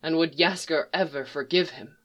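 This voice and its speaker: A narrator reading a fan story aloud in a slow, even storytelling manner. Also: medium pitch, lo-fi sound.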